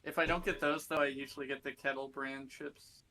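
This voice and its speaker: A male tabletop player chatting casually and relaxed about snacks before the game. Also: mid-range voice, fairly quick, slight background noise. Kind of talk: casual chat.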